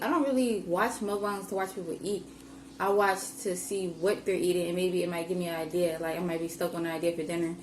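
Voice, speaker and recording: A young woman hosting a vlog, chatting casually to camera with lots of "like" and "um" fillers. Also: on the low side. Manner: chatty, rambling, many "like" and "um" fillers. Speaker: vlogger host. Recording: roomy with steady background noise.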